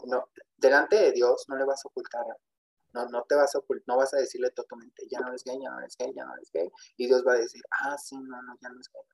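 This is a man, speaking as a guest on a podcast. His voice sits at a middling pitch for a man. He tells a personal faith story earnestly, repeating words and often adding little tag questions. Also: darkish tone, rough recording.

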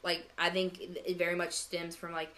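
A woman's voice: lowish voice, monotone, moderate pace, sharp tone. A young woman co-hosting a podcast, chatting casually and rambling with many fillers and restarts. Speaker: podcast co-host. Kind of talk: casual chat.

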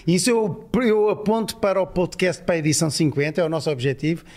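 Portuguese man with a slightly high voice, bantering. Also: animated, fast, darkish tone. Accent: European Portuguese. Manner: bantering, ribbing. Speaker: podcast co-host. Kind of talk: casual chat.

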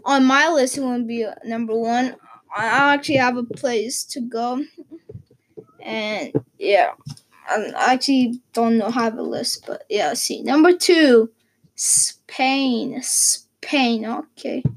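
A woman's voice: a little high, slow pace, a little hiss or hum, low-quality recording. Rambling teen girl vlogger. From Portugal. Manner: rambling, many fillers and restarts. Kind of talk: casual chat.

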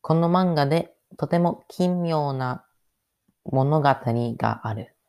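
Very slow-talking man, halting learner's speech. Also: fairly high pitch, darkish tone, clear, resonant tone. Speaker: podcast host. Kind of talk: solo podcast monologue.

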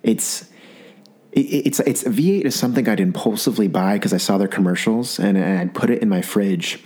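A young adult man hosts a podcast, delivering a rambling comic solo monologue full of restarts in a scratchy, sore-throat voice. His pitch is on the low side and his speed normal, and he tells his stories in an animated way.

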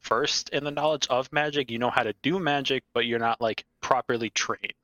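A man's voice: medium pitch, steady tone, fairly quick, sharp tone, no echo, dull audio. A man running a tabletop game as game master, narrating casually with many fillers. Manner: casual, filler-heavy, laughs easily.

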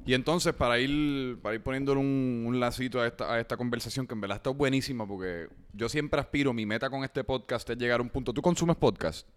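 A young man, hosting a podcast in a relaxed, joking way and swearing casually. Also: mid-range voice, quick pace, hardly any pauses, clean tone. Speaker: podcast host.

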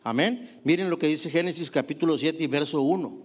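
Pastor preaching, fairly high voice. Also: male voice, a little fast, slightly rough. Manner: preaching with rhetorical questions and frequent "hermanos" and "amén". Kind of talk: sermon.

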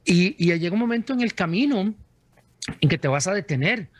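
A man's voice: high voice, animated, a little fast, no room sound. A man, an author telling his faith story as an interview guest, earnest, with many restarts.

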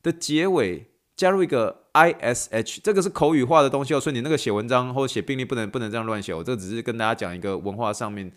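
A man's voice: medium pitch, fast, hardly any pauses, a bit bright. A man hosts a casual podcast lesson late at night, and he sounds tired. He teaches in a playful way, dropping in English phrases and spelling words out letter by letter. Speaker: podcast host and athletic trainer.

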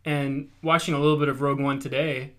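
A man with a bright, somewhat high voice chatting casually with friends. He speaks earnestly, often trailing off and restarting his sentences. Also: level tone, quick pace. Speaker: podcast co-host. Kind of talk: casual chat.

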